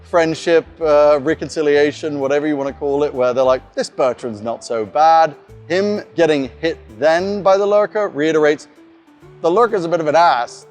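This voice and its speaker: In a casual vlog, a man with a slightly high voice talks like a game master laying out his approach and scenario tips. He explains things informally and conversationally, with soft guitar music playing beneath him.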